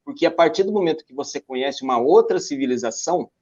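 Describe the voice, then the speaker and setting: A man's voice: on the high side, expressive, fast talker, darkish tone. An older man from Brazil with a Brazilian Portuguese accent, talking as an interview guest about his backpacking travels. He is an enthusiastic storyteller who poses rhetorical questions and answers them himself. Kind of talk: casual interview over a video call. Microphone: video call. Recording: lo-fi video call audio.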